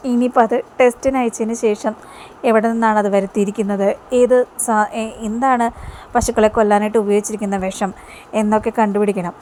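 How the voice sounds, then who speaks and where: A woman voicing a sensible young woman who reasons gently in a TV-serial retelling. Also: mid-range voice, fairly even intonation, brisk, slight background noise, lightly acted. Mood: concerned. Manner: caring, reasoning.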